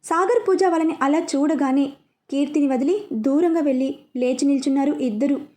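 Woman reading a story out loud, high voice, soft mellow tone. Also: brisk. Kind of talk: storybook narration.

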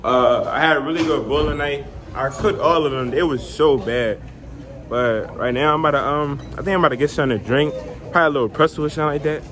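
A young man talking casually to his phone camera in a selfie vlog, relaxed and slangy with lots of fillers, at an indoor trampoline park. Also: on the high side, quick pace. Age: young adult. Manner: laid-back slangy chatter with many fillers. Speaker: vlogger. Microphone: phone camera at arm's length.

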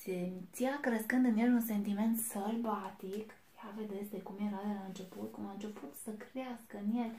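A woman reading a picture book aloud to children, expressive and speaking directly to her young listeners. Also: medium pitch, hardly any pauses. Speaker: children's story reader. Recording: echoey room, faint noise.

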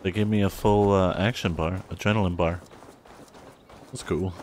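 A man's voice: deep voice, steady tone, moderate pace, a little mellow, a little hiss or hum. A man giving laid-back, rambling commentary while playing a video game. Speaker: let's play host. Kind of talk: casual gameplay commentary.

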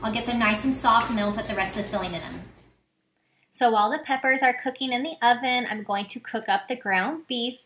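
A young woman, a home cooking vlogger, walks through a recipe step by step in an upbeat, plain way, filmed in her kitchen by a camera set some distance away. Her voice is on the high side, fairly quick and a bit bright. The kitchen sounds echoey, with a faint hum.

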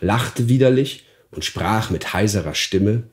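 A man's voice: lowish voice, lively intonation, measured pace. A man, an actor, narrating a classic fairy tale in a theatrical reading.

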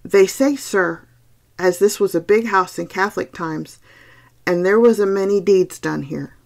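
A woman voicing an old peasant housekeeper woman who is placid and superstitious, speaking slowly in a hushed rural dialect. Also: medium pitch, vocal fry. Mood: hushed ominous.

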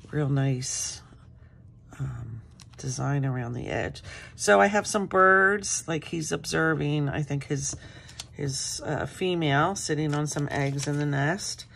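Middle-aged woman, craft room chat, low pitch, rambling, casual, morning voice. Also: gravelly, slight background noise. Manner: chatty, rambling, talks while working. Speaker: craft channel host.

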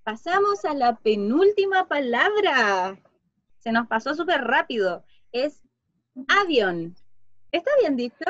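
A Chilean woman teacher with a very high voice, speaking slowly and drawing out each word for young children on a video call. The sound is dull, lo-fi and dry. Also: sing-song, no room sound. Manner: slow, clear, drawn-out words for children. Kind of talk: online class for young children.

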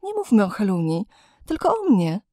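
A woman voicing a gentle young woman who turns defiant and bitter about love, speaking passionately. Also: medium pitch, wildly swooping pitch, moderate pace, no room sound, clean studio sound. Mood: impassioned.

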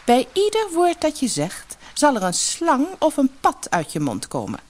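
A storybook fairy, disguised as an old woman, speaks with gentle grace and turns stern when she rebukes; a woman narrator puts her on. Her husky voice sweeps up and down with lively, wide-ranging pitch. She sounds calm, kindly and magical. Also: moderate pace, heavily acted.

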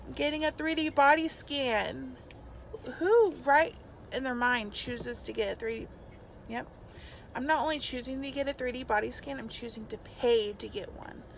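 Young woman chatting to her phone in a parked car, kinda tired, a bit gravelly, faint hum in the background. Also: sits high, moderate pace. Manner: chatty, self-mocking, laughs a lot. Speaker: vlogger. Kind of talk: casual vlog chat. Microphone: phone held at arm's length.

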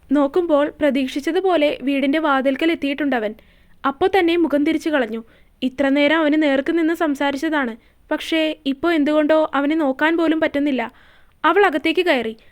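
Woman, high voice, calm steady reading, romance story narration.

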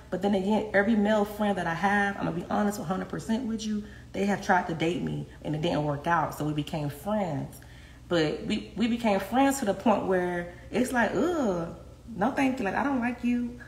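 A young woman hosts a phone livestream from her home kitchen, chatting candidly with viewers, laughing often and swearing freely. Her voice is medium-pitched and gravelly at a moderate pace. The phone is held at arm's length, and the kitchen is echoey with faint noise.

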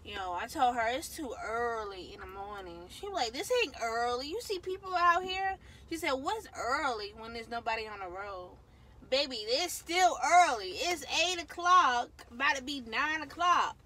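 A young vlogger in a parked car chats to her viewers in a high, animated voice that sounds pushed and bright, at a normal speed, filmed on a phone camera held close. She often ends with "so, yeah" and slides into a mumble, and the recording quality is low.

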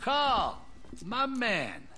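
A drawling older mafia don from a video game, slow and patronizing in his commands. His voice rides high and swings widely in pitch, and the game's busy crowd murmurs behind him. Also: wildly swooping pitch, exaggerated voice. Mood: commanding. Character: smooth older mafia boss, man, commanding.

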